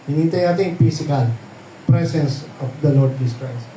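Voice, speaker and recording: A man preaches at a prayer meeting in a high, mellow voice. He explains each point slowly and keeps drawing the listeners in with questions. He is heard from a distance in an echoey hall with a faint hum behind him. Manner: explains slowly, asks "di ba?" often, mixes in English phrases. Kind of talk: Bible sermon at a prayer meeting. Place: church hall.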